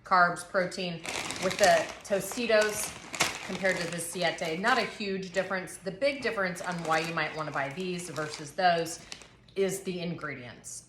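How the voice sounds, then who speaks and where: A woman chatting casually as co-host of a snack taste test, eating crunchy chips between remarks. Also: fairly low pitch. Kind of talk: casual chat while tasting food. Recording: echoey room with clear noise.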